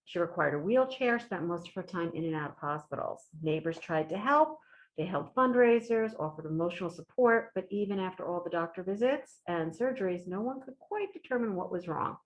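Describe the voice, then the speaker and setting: Lower-voiced woman reading book blurbs. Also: a little fast, muffled recording, slight background noise. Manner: reads blurbs aloud with lively emphasis, laughs often. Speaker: library staff book reviewer. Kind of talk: casual book recommendation chat.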